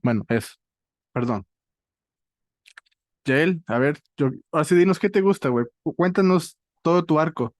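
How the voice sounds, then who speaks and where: Mexican man, playful host, mid-pitch, dry close mic. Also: animated, normal speed, pauses often, no room sound. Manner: playful, slangy, leading the talk. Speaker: podcast host. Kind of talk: casual panel chat.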